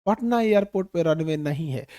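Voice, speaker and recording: A man with a Bihari Hindi accent, teaching a class in a lively, joking way and mimicking people in dialect. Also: a little high, moderate pace, no room sound, studio quality. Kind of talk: classroom lecture.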